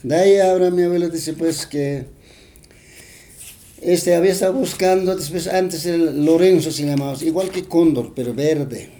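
A man's voice: on the high side, normal speed, warm tone. A man with a Bolivian Spanish accent, retelling a folk tale in an interview, rambling and full of fillers and tag questions.

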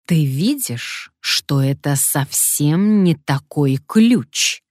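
A woman's voice: on the low side, expressive, slow, darkish tone, no room sound, studio quality, exaggerated voice. A woman reading an audiobook, voicing an angry, threatening male sponsor who snaps and hisses menace. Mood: menacing. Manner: snapping, menacing.

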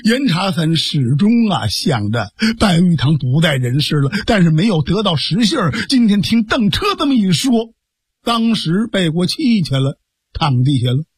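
A man performing traditional storytelling in a lively, dramatic way. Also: high voice, normal speed, husky, no echo. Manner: lively, dramatic, full of sound effects.

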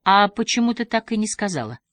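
A woman's voice: mid-range voice, sing-song, a little fast, fairly bright tone, dry recording, pitched above the performer's own voice. A woman voicing an obtuse, carefree man who is puzzled on the phone.

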